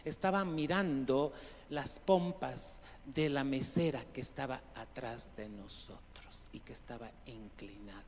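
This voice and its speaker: A male pastor preaching a sermon, swinging from quiet asides to loud, rising outbursts and questioning his congregation directly. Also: mid-range voice, measured pace, slight background noise. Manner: addresses listeners as brother, asks questions of the congregation. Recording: long hall reverb.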